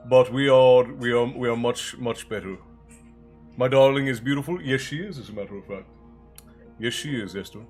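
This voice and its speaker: A man with a mid-range voice and moderate pace hosts a livestream, joking casually and naming the viewers he greets. He hasn't quite shaken his congestion and has a slight chesty cough. Soft background music accompanies him.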